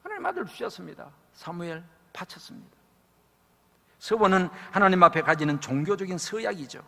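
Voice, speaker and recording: A male pastor preaching a revival sermon, telling stories dramatically and acting out the voices of the people in them, swinging from loud to hushed. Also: high voice, animated, fairly quick, gravelly. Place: large church sanctuary. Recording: church hall with long reverb.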